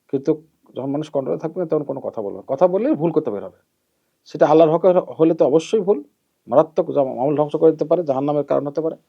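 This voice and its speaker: Preacher guy explaining a hadith, measured and repetitive, phrases fade out soft, kinda muffled recording. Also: medium pitch, gravelly. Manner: measured, repeats key terms, often trails off softly at the end of a phrase. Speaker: Islamic preacher. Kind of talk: hadith lesson, explaining and admonishing. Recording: dull lo-fi recording.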